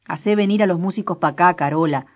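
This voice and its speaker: A woman voicing a gruff, bossy older rural patron who gives orders in a hoarse, slow voice. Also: lowish voice, natural voice. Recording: dull lo-fi recording.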